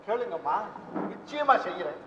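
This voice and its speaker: An actor playing a gentle, kindly priest who speaks softly and reassuringly, in an old stage play recording. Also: male voice, high voice, very animated, moderate pace, background noise. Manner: soft, reassuring, fatherly. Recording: roomy hall, dull lo-fi old stage recording.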